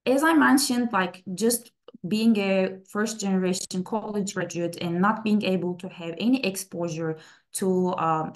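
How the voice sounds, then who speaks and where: A woman in her thirties, a native Turkish speaker who grew up in Turkey, presents her research in a webinar. She speaks in a fairly low voice, pausing often with fillers and starting sentences over. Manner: halting, many fillers and restarts. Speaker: plant scientist speaking at a webinar. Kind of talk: presentation talk over slides.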